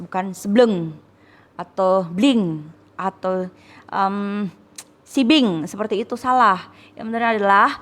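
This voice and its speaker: Indonesian-accented woman, English teacher, patient and repetitive, lightly teasing. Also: medium pitch. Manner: patient, repeats words, teasing. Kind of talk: classroom lesson, correcting students.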